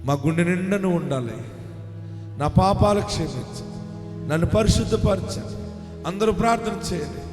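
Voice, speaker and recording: Man, pastor, fervent shouting prayer, high voice, long hall reverb, music underneath. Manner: fervent, often shouting and crying out. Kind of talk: impassioned prayer sermon.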